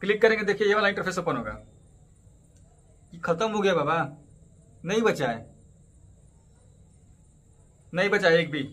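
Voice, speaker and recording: A man's voice: high voice, lively intonation, moderate pace, long pauses, fairly bright tone. A man in his thirties talking casually to camera, walking viewers through app steps and repeatedly asking them to subscribe and join his channels. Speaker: cricket ticket update YouTuber. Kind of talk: casual tutorial vlog. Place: indoors in front of a green screen stadium backdrop.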